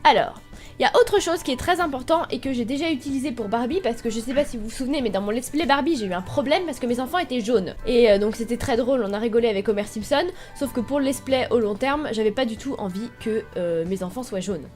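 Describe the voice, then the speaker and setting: A woman's voice: a little high, quick pace, darkish tone, faint music behind. A young woman talking casually, explaining a video game step by step like a tutorial. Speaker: gaming YouTuber.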